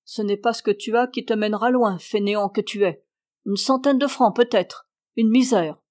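A woman voicing an angry middle-aged peasant uncle who shouts scornfully in a raised voice. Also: mid-range voice, normal speed, lightly acted.

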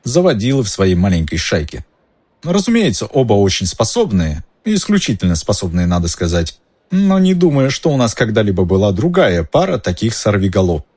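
A man voicing a stern, sharp-tongued older female professor with a clipped manner in an audiobook. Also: on the low side, sing-song, brisk, breathy edge, no echo. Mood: wry. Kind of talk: audiobook character voice.

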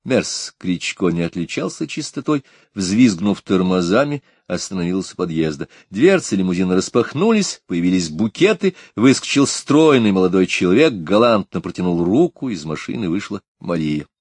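A man narrating an audiobook in an expressive reading style. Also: deep voice, normal speed, hardly any pauses, dry recording, studio quality. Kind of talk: scripted narration.

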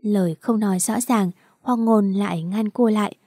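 Woman softly narrating a romance. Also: mid-range voice, moderate pace, dry recording, studio quality. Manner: soft, emotive storytelling. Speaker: storyteller.

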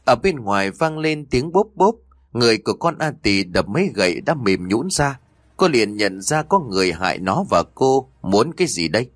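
A man narrating an audio story in an expressive, dramatic manner. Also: medium pitch, moderate pace, no echo.

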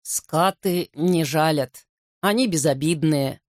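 A woman's voice: sits low, slow, a little mellow, no echo, clean studio sound. A woman voicing a subdued worried father. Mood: gentle. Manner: strained, subdued. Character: worried gentle father, a grown man.

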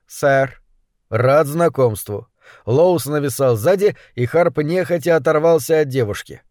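A man's voice: a little high, no room sound. Male audiobook narrator, dry close sound. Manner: even, measured storytelling. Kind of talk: scripted narration.

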